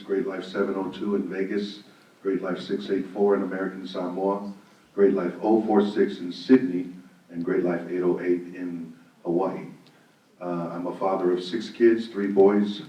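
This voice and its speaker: A middle-aged man, a pastor, introducing himself on a panel with lively jokes. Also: sits low. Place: event hall. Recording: distant, echoey and dull.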